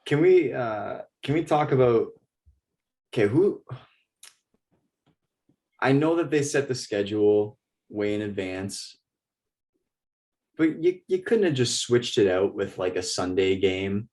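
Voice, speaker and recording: A man's voice: lowish voice, slow pace, pauses often. A young man co-hosting a sports podcast in casual chat, joking and getting worked up. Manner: joking, animated and exasperated. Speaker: podcast co-host. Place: in Ireland.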